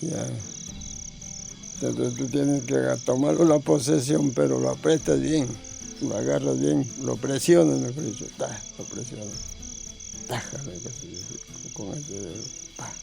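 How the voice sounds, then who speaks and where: Older man, northern Peruvian accent, very creaky voice, rambling fireside-style oral storyteller, music clearly behind him. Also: mid-range voice, measured pace, mellow. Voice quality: gravelly, creaky aged voice. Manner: rambling, repeats phrases, colloquial. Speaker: grandfather recounting local oral history.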